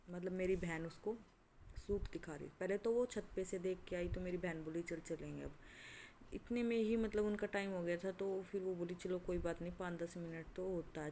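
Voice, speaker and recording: A woman's voice: fairly low pitch, darkish tone. A woman tells a story in a casual, chatty way. She sounds indignant and leans on fillers. A faint hiss of noise sits behind her voice.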